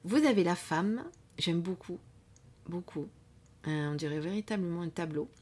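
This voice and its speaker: A woman hosting a casual review of an oracle card deck, speaking softly and unhurriedly, often trailing off to near whispers, with frequent fillers. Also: lowish voice, normal speed, slightly rough. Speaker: card reading channel host. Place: indoors at home under studio lights.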